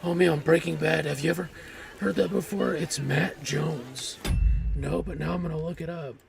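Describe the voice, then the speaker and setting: A man streaming a game in casual chat, with a gravelly, smoker-like voice and a laid-back, offhand way of talking. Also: on the high side, moderate pace, music in the background. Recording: clear background noise.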